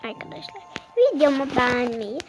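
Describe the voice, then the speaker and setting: A woman's voice: sits high, sing-song, normal speed, faint music behind, poor audio. A young girl narrating her game as a vlogger, searching aloud for friends and asking the same questions over and over. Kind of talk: casual gameplay commentary.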